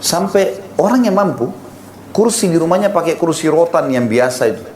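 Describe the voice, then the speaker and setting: A man giving a calm, explaining sermon as a preacher, now and then acting out short everyday dialogues. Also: fairly high pitch, moderate pace, roomy sound, a little hiss or hum.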